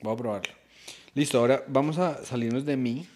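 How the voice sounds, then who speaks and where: A man hosting a comedy podcast, telling stories and asking questions in a quick, joking way. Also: mid-range voice, darkish tone. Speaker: podcast host. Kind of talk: casual podcast chat.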